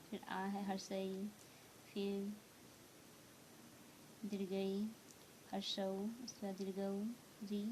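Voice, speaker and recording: Slow-spoken woman teaching grammar. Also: mid-range voice, dark tone, slight background noise. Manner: slow, repetitive explaining with frequent "theek hai" check-ins. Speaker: Hindi teacher. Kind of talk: blackboard grammar lesson.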